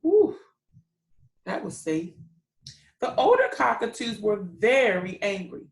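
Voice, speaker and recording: Hosting storytime for young children, this teacher and read-aloud host reads and explains words in simple, encouraging terms. Her mid-range voice is creaky and very animated, and she takes it slowly. There's an echo in the room.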